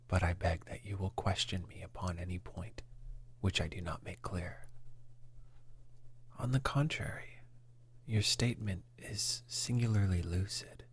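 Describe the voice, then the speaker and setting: A man reading a classic story aloud in a breathy, calm whisper. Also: sits low. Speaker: reader.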